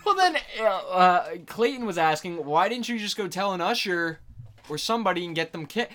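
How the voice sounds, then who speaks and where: A man's voice: sits high, moderate pace, noisy background. A man in his mid-twenties co-hosting a podcast, telling a long rambling story, swearing freely and acting out what people said. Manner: rambling storyteller, profane, acts out quotes. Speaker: podcast co-host. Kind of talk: casual chat.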